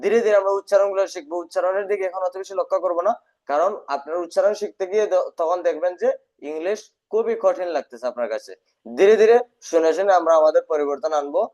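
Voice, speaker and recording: A man's voice: high voice, fast talker, darkish tone. A man teaching a live online English class, sternly drilling his students by having them repeat words. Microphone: video call. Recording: dull lo-fi online class audio.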